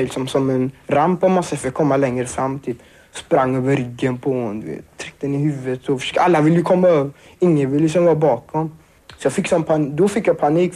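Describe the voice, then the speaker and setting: A teenage boy giving a halting personal account, full of fillers and restarts. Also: on the high side, warm tone, breathy edge. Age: teens. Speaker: survivor interviewee.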